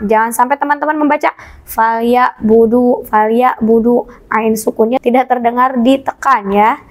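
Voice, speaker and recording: Woman, Indonesian accent, high voice, patient teacher, slow drawn-out recitation. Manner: patient and encouraging, drawing out Arabic recitation slowly. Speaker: Quran reading teacher. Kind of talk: children's Quran reading lesson.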